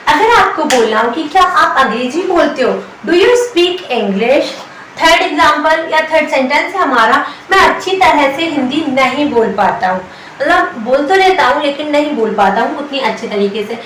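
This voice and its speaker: A woman teaching a spoken English lesson, addressing viewers affectionately as children and repeating each phrase very slowly. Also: high voice, lively intonation, fairly bright tone, a little hiss or hum. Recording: echoey room, heard from a distance.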